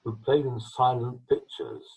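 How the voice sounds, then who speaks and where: An older man from England, a retired trombonist, telling long rambling stories from his career with restarts and throat-clearing, speaking from home over a video call. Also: mid-range voice, big pitch swings, a little slow, darkish tone. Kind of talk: storytelling interview. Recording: tinny video call line.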